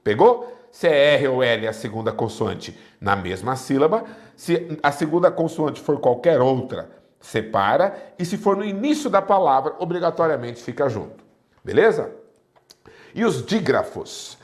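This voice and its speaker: Lively Brazilian man teaching a class. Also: medium pitch, moderate pace. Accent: Brazilian Portuguese. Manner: checks in often with the class; spells out examples syllable by syllable. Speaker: exam prep teacher. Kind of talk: recorded online lesson.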